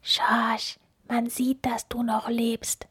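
A woman voicing a small, timid snow hare in a whispered role-play, soft, hushed and a little higher. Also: takes it slowly, vocal fry, breathy edge, no room sound, heavily acted.

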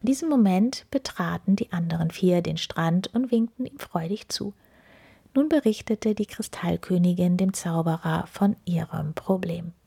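A woman reading a children's fairy tale aloud in a soft, partly whispered narration. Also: on the low side, creaky, breathy edge.

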